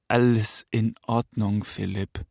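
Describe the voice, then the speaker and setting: Male narrator as a nervous father, soothing and hesitant, gravelly. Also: lowish voice, level tone, slow pace, a little mellow, no echo, studio quality, heavily acted. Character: uneasy father, gentle, trying to stay calm.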